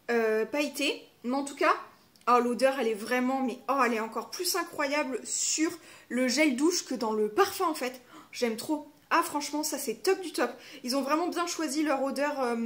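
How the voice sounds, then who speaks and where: Une femme qui parle de façon décontractée en déballant des calendriers de l'avent, avec beaucoup d'hésitations et d'autocorrections. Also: female voice, high-pitched. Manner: chatty, lots of fillers, self-correcting. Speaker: vlogger opening advent calendars. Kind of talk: casual unboxing chat.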